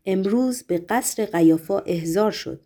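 A woman voicing a calm, deferential male secret-police chief who speaks quietly and courteously. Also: mid-range voice, close to an everyday voice.

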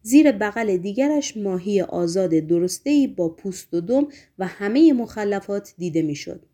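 A woman narrating an audiobook in a steady, measured way. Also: medium pitch.

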